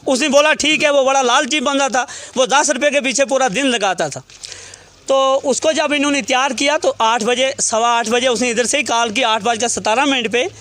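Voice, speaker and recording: High-voiced man telling a long account. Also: moderate pace, bright, forceful tone. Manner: detailed storytelling that quotes what each person said. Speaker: relative of a murder victim speaking to a reporter. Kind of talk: recounting events in an interview.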